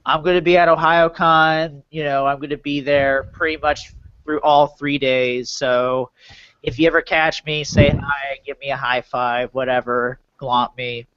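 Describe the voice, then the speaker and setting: A man's voice: on the high side, flat delivery, measured pace, smooth. A man hosting a casual podcast, rambling along and often repeating or restarting his phrases. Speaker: podcast host. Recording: dull lo-fi audio.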